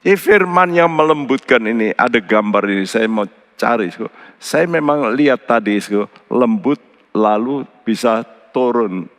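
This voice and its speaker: A middle-aged man preaching a sermon as pastor, animated, often jumping to high emphatic outbursts. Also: normal speed. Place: large church hall. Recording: church service with long hall reverb.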